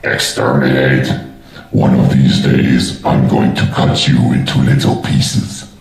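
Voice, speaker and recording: Slow, monotone robot villain, processed, very deep, echoey room. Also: male voice, gravelly, faint music behind, exaggerated voice. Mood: menacing. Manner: slow, flat, threatening delivery. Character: menacing robot, cold and threatening. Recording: roomy, distant mic.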